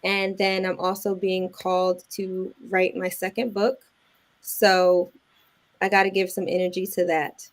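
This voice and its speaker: A woman guest on a talk show, giving calm, encouraging and thoughtful answers in a casual interview. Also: on the low side, unhurried.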